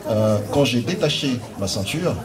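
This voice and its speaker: A man's voice: mid-range voice, lively intonation, normal speed, crowd noise. A man from France doing stand-up, telling a story in a casual, anecdotal way with hesitant fillers. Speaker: stand-up comedian. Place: live stage before an audience. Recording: distant mic over a loud audience.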